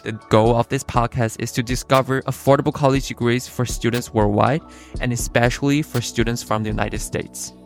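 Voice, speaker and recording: A man's voice: medium pitch, fairly even intonation, a little fast, gravelly, faint music behind. A man hosting an educational podcast, talking in a plain conversational presenter's style. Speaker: podcast host, college counselor. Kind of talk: podcast introduction and casual interview.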